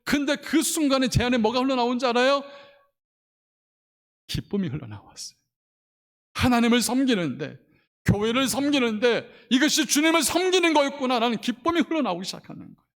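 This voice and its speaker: A man's voice: extremely high pitch, animated, a little fast. A male pastor preaching a sermon in a church sanctuary, telling a story with fervor and pressing his points with rising emphasis.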